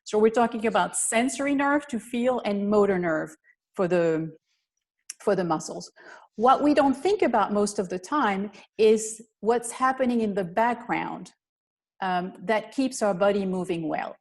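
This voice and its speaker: A woman with a Belgian accent talks through her background as a guest presenter. She explains in an earnest, teacherly way, with slightly non-native phrasing. She sounds as if she is on a video call, and her voice sits in a middle pitch. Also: animated, unhurried. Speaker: guest presenter, physical therapist. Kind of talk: webinar talk and explanation.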